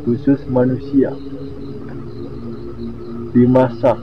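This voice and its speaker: A man with a lisp that slurs his r, casually reading horror stories in a halting, informal way with his own asides. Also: medium pitch, flat delivery, over music. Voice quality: lisp, slurred r. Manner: informal, halting reader who comments on the story. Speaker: video host. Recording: muffled lo-fi, clearly noisy with insect-like sounds.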